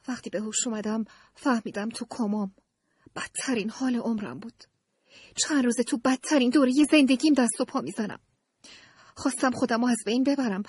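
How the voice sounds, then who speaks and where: Actress as a feisty confused young woman in an audiobook, high voice, lots of swing, dry mic. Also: husky, dry recording. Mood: sad. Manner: indignant, pleading, expressive. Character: bewildered young woman, sharp-tongued and earnest. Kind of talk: audiobook character voice.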